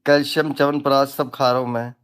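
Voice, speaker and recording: A man's voice: medium pitch, level tone, fast, clean tone. A man who presents himself as a tantric guru, ranting casually in a crude, mocking, rambling way. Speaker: self-styled tantric guru. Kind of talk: casual live rant.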